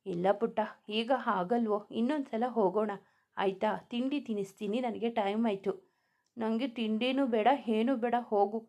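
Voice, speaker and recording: A woman's voice: on the high side, moderate pace, darkish tone, close to an everyday voice. A woman voicing a young man weighed down by guilt, curt and tearful. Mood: irritated. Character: young man, guilt-ridden and short-tempered.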